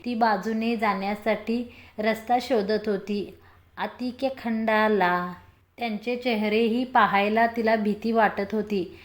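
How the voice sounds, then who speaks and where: A woman narrating a story in a steady, even reading voice. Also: fairly high pitch.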